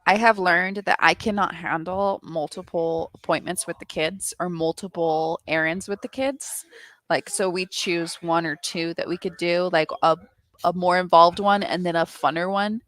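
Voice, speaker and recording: A woman's voice: on the low side, steady tone, normal speed, fairly bright tone, no room sound. A young woman hosting a reading session on a video call, chatting casually and laughing often. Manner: chatty, laughs often, trails off mid-sentence. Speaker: host of reading sprints. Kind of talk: casual chat.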